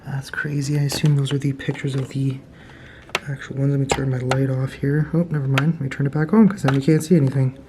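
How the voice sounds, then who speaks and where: A man giving a casual vlog tour in a hushed, low-key way that often drops toward a whisper, speaking indoors as an investigator and host. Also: level tone, fast, noisy background. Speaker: paranormal investigation vlogger, host. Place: indoors in an old house.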